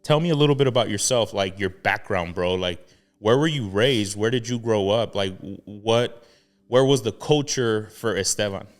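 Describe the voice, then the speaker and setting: A man's voice: lowish voice, moderate pace. A man hosting a casual interview, calling his guest bro and slipping into Spanish. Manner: casual, says bro a lot, mixes in Spanish. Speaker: podcast host.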